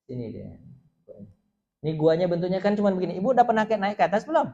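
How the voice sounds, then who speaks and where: Man preaching informally to women, talkative, acts out stories, higher-pitched, dull recording. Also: expressive, fast talker, gravelly, dark tone. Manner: chatty, asks the audience questions, acts out stories. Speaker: Islamic preacher. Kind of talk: informal religious lecture to women.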